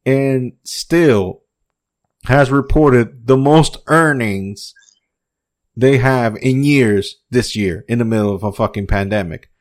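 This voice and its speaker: A man's voice: medium pitch, slow pace. A man hosting a casual wrestling podcast, ranting with lots of swearing and some words. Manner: profane, animated ranting. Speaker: podcast host.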